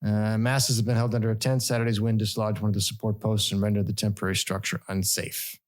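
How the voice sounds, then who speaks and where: A middle-aged man co-hosting a podcast reads the news quickly in a level tone. He slips in wry, joking comments, his pitch occasionally jumping without warning.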